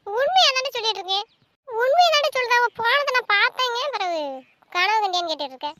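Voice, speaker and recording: An actress playing an anxious elder sister who frets aloud and calls out insistently. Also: female voice, very high-pitched, brisk, heavy background noise. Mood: agitated. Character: anxious meddling elder sister, young woman. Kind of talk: family web-series drama acting.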